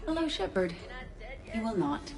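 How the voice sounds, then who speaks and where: A woman's voice: medium pitch, unhurried. A woman playing a polite, dryly teasing artificial intelligence in a video game, speaking formally and precisely. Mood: polite, dryly sly. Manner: formal, precise phrasing, deadpan.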